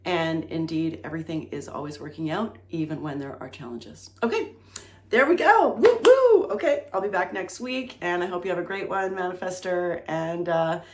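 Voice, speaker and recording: Woman, tarot reader, chatty, slightly low voice, roomy echo. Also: normal speed, few pauses. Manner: chatty, animated, with many fillers and "okay?" check-ins. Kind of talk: casual tarot reading to camera.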